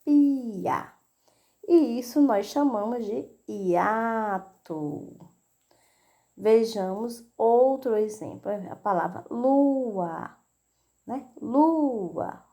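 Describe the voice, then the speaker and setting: Brazilian woman teacher, middle-aged, unhurried video lesson, patient and repetitive. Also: a little high, animated, mellow. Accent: Brazilian Portuguese. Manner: patient, repeats "né?" and "tá?" to check understanding. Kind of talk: recorded video lesson for children.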